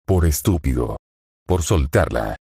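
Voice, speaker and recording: Deep-voiced man narrating a sardonic story. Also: animated, a little slow, creaky, mellow, slightly rough, dry recording, clean studio sound. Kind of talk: scripted narration of fan fiction.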